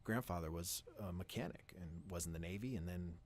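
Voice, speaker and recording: A man with a fairly low voice talks as a podcast guest in a relaxed chat. He makes his points emphatically and bluntly. He grew up in New England. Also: a little fast. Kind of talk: casual chat.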